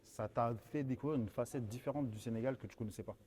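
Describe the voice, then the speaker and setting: A man interviewing a guest casually, with brief acknowledgements and relaxed questions. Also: medium pitch, fast talker, background noise.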